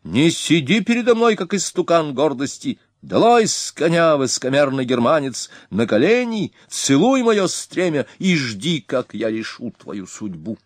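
Shrill insolent young Hun prince, a man doing it. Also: huge pitch swings, takes it slowly, few pauses, husky, no room sound, clean studio sound, exaggerated voice. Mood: arrogant shouting. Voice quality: shrill, high, grating. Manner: shouting, arrogant, threatening.

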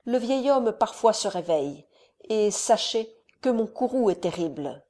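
A woman voicing a scheming older male count who speaks to his son in a measured, solemn, persuasive way. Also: medium pitch, expressive, warm tone, lightly acted. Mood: stern.

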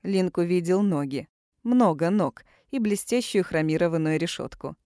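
A woman narrating an audiobook romance in a calm, measured reading style. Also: lowish voice, no echo, studio quality. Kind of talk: scripted narration.

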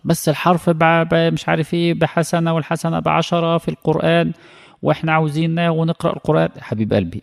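Egyptian male religious teacher, low-pitched and quick, reads a text then riffs on it casually. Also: creaky, in a large hall. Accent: Egyptian Arabic. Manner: reads quoted passages then explains with lively colloquial asides. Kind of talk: religious lesson reading and explaining a text.

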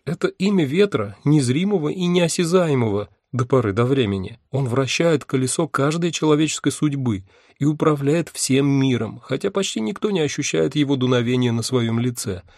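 Fiery young noblewoman, capricious, sharp outbursts, pitched high, as a male reader puts her on; dry audiobook sound. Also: lively intonation, moderate pace, dry recording. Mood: earnest.

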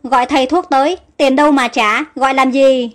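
A defiant little street boy shouts and whines in this storybook reading, pitched high and pushing hard, voiced by a woman. Faint music sits under him. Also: steady tone, brisk, natural voice. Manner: shouting and whining.

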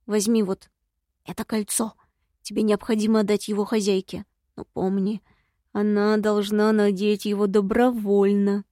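A creaky, raspy old male villain drawls his threats slowly and quietly, as a woman reader puts him on. He sounds ancient and grumpy, every word dragged out with menace. The recording is dry and close, with no room sound. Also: medium pitch, level tone, no room sound, natural voice. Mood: grumbling. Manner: slow, grumbling, menacing drawl. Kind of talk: audiobook character reading.

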